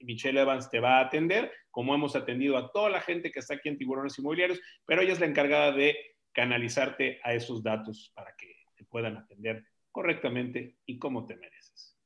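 Man moderating a panel, reads out audience questions, brisk and friendly. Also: medium pitch, fairly bright tone. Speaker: host and moderator.

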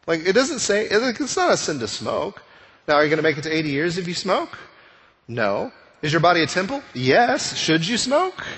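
A man's voice: on the high side, fairly bright tone. A male pastor preaching a conversational sermon, full of rhetorical questions. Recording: long reverb of a church hall.

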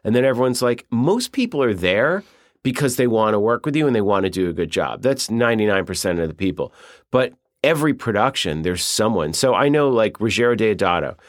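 A man's voice: on the low side, lively intonation, brisk, no room sound, studio quality. A man being interviewed as a film director, talking bluntly and profanely in a flowing, storytelling way. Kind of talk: casual interview talk.

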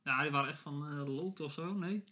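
A man's voice: a little high, brisk, sharp tone. A man co-hosting a podcast in casual chat, often hesitant and thinking aloud as he talks. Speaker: podcast co-host. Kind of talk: casual chat about records.

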